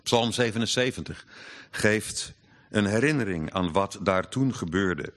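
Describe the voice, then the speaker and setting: Man preaching, lowish voice, earnest, emphatic, slows for scripture. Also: fairly bright tone. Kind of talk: sermon.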